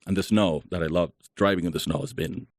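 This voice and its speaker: A man from Chile speaks in a very deep, gravelly voice, relaxed and chatty, with lots of "uh" fillers as he talks. He is recorded close on a dry mic with no room sound. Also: fairly quick, no room sound. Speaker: guest, solar company founder. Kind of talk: casual interview talk.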